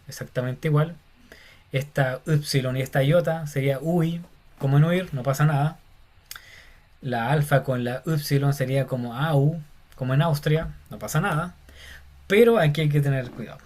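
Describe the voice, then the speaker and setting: A man's voice: mid-range voice, darkish tone. Casual male Bible Greek teacher. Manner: casual, addresses listeners as "hermano", many fillers. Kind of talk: informal lecture.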